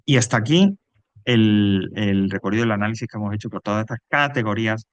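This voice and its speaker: A man's voice: fairly low pitch, fairly quick, no echo, muffled recording. A man with a Peninsular Spanish accent explaining grammar as a teacher in a recorded lesson, hesitant, with frequent fillers and checking questions.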